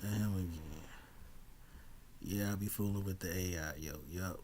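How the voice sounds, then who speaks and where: A man's voice: low-pitched, fairly even intonation, normal speed, slight background noise. A man hosting a livestream in casual, slangy, conversational talk. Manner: conversational, peppered with slang and shout-outs. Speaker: livestream host.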